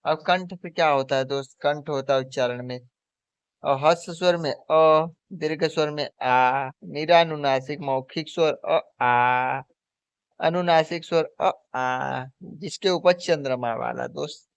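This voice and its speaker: A man's voice: fairly high pitch, unhurried, gravelly, smooth, no room sound. A man teaching a lesson for exam preparation, who asks questions and answers them himself and keeps calling the viewer his friend. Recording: dull, lo-fi recording.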